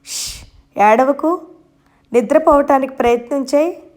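A tender, anxious man from a storybook who speaks softly and hushes gently, as a woman narrator takes his lines. The voice stays fairly high and slow.

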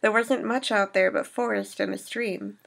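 A woman reading aloud as a shaken young woman survivor recounting an attack, in a steady storytelling manner. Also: medium pitch, normal speed, creaky. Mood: grieving.

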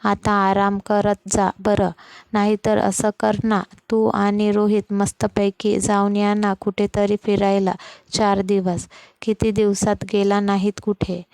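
A woman's voice: medium pitch, completely flat delivery, slow, a little mellow, clean tone, dry recording. A woman voicing a caring, fussy older mother-in-law who scolds kindly, in a storybook reading. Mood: fussing kindly.

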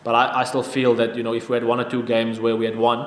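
A man in his thirties answering questions at a post-match press conference at a table mic, even-toned and halting with frequent restarts. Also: medium pitch. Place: press conference room with sponsor backdrop. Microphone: table microphone. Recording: echoey room with long reverb.

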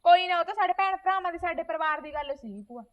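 Casting: woman as a defiant young wife; a high, fast voice, defensive and grumbling. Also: natural voice. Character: defiant young wife of the household, retorting sharply. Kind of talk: amateur comedy short film acting.

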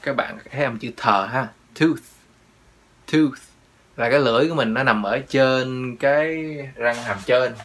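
A man's voice: medium pitch, normal speed, hardly any pauses, fairly bright tone, low-quality recording. A man teaching English pronunciation, patiently repeating each word several times and explaining in between. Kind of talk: pronunciation lesson, repeating words slowly.

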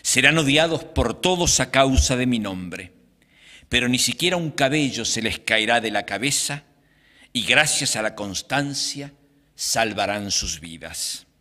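A man in his sixties, a priest, reading the Gospel and preaching at Mass in a slow, deliberate liturgical manner. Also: mid-range voice, expressive, sharp tone. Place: small chapel, indoors. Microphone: microphone on a stand in front of him. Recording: reverberant chapel sound.

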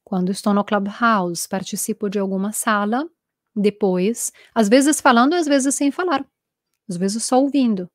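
A woman's voice: mid-range voice, unhurried, no echo, clean studio sound. Chatty Italian-born woman teaching live. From Italy. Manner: chatty, animated, acts out quoted dialogue. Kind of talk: live online lesson.

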